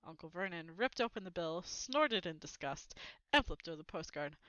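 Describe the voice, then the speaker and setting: A woman's voice: lowish voice, expressive, moderate pace, sharp tone, no echo, dull audio. A woman reading a storybook aloud as narrator, expressively.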